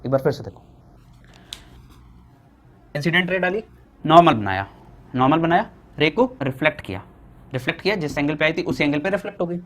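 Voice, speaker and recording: A young Indian man teaching a physics lesson at a board, asking questions and answering them himself, slowing down to dictate definitions. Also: on the high side, animated, fairly bright tone. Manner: asks students questions and answers them himself, repeating key points.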